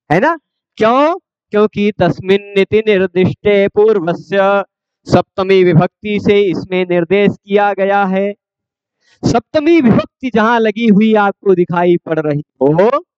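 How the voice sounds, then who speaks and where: A Sanskrit grammar teacher speaks in a high, smooth voice, slowly and deliberately, posing questions and then answering them. The sound is dry and a little dull, with a lo-fi edge. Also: male voice, dry recording. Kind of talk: classroom grammar lecture.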